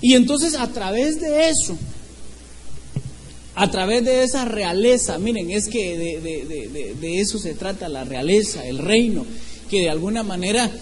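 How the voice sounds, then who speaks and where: A man's voice: high-pitched, lively intonation, a little slow. A man preaching an informal sermon in a church hall. He keeps putting questions to the congregation and often restarts his sentences. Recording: echoey hall with faint background noise.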